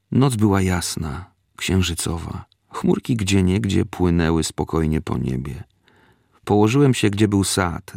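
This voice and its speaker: A man reading a first-person memoir aloud in a measured, steady storytelling manner. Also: sits low, creaky, dry recording, studio quality.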